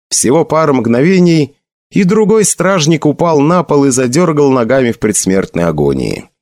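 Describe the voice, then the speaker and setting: A male narrator reads a dramatic audiobook with plenty of rise and fall in his voice. His delivery is expressive and theatrical. The sound is dry and close, with no room echo. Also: mid-range voice.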